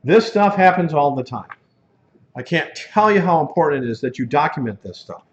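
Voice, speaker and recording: A male truck driving instructor lectures a class, talking casually and telling warning stories about paperwork. His voice sits slightly high for a man. The sound is dull and lo-fi, recorded in a classroom. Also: expressive, normal speed. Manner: conversational, tells cautionary stories, acts out dialogues.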